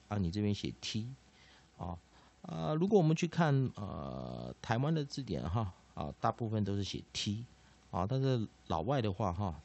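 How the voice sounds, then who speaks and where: Brief: male teacher, lowish voice with bouncy pitch, tons of filler particles, dry close sound. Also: darkish tone, dry recording. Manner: heavy filler particles, drawn-out repeated sounds. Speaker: English pronunciation teacher. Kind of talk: classroom-style explanation.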